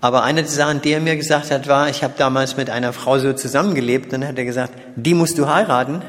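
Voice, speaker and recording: A man interpreting a sermon live, speaking in a measured way with small restarts. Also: medium pitch, a bit bright. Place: large church hall. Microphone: handheld mic. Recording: church hall with long reverb.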